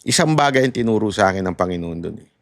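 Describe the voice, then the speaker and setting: A middle-aged Filipino man with a Filipino accent, giving candid faith-based advice in a lively, conversational way and switching between Filipino and English. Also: fairly low pitch, very fast, no echo, studio quality. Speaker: podcast host.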